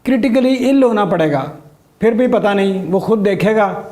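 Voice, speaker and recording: A man's voice: high voice, animated, normal speed, warm tone. A man, performing a stand-up comedy monologue, delivering his jokes dryly to a laughing audience. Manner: dry joke delivery with an audience laughing along. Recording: noisy recording.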